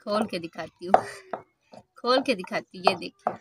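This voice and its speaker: A woman's voice: medium pitch, moderate pace, heavy background noise. Young woman chatting while cooking. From Pakistan. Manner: chatty, laughs often. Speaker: vlogger. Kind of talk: casual cooking vlog. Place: rural courtyard, outdoors and in a brick kitchen.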